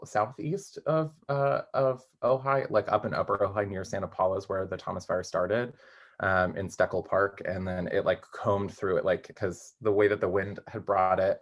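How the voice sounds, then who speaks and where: Deep-voiced young man rambling casually. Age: young adult. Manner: rambling, filler-heavy, laughs between thoughts. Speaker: playwright guest. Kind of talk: casual interview talk.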